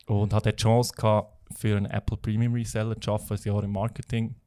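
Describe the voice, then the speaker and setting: A man in his thirties with a Swiss German accent and a fairly low voice. He talks casually as an interview guest, feeling his way through explanations and dropping in English business words. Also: level tone, fast, warm tone, clean tone. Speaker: podcast guest.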